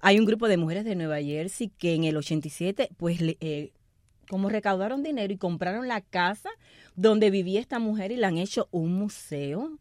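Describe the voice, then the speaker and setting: A woman from Cuba, telling a history story in a lively, conversational talk-show way, often turning to the listeners with asides. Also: mid-range voice, a little fast, no room sound, studio quality.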